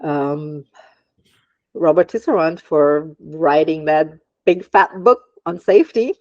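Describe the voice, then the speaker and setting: Brief: low female voice, hesitant, dull dry recording. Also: slow, darkish tone, no room sound. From Germany. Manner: hesitant, many ums, laughs often. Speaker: podcast guest, aromatherapist. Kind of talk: casual interview chat.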